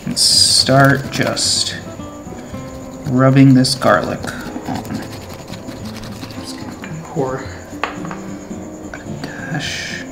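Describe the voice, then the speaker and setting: A man's voice: mid-range voice, drawn-out words, gravelly, long pauses. Young man chatting while cooking. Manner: relaxed, chatty, laughs often. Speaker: home cook host. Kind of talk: casual cooking demo. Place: large home kitchen. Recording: roomy kitchen with background music.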